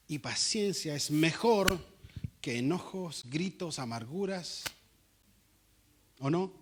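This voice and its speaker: High-voiced Chilean man preaching. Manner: animated preaching with acted-out quotes. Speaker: pastor. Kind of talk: sermon.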